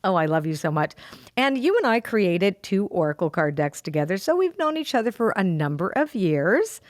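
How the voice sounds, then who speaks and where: A woman's voice: mid-range voice, big pitch swings, moderate pace, no room sound, studio quality. A middle-aged woman hosting a podcast interview, effusive and chatty. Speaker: podcast host.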